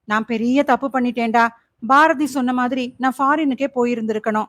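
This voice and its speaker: A man's voice: very high-pitched, fairly even intonation, a little fast, a bit bright, no echo, studio quality. A woman voicing a frightened young man in an audiobook thriller, pleading and tearful. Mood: distraught. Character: frightened young man, desperate and guilt-ridden.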